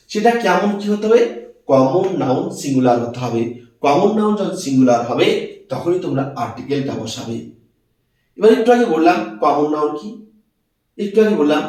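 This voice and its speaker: A male teacher giving a grammar lesson, asking questions and answering them himself, repeating words slowly. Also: on the high side, darkish tone. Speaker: English teacher. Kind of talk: classroom-style grammar lesson. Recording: very echoey room, distant mic.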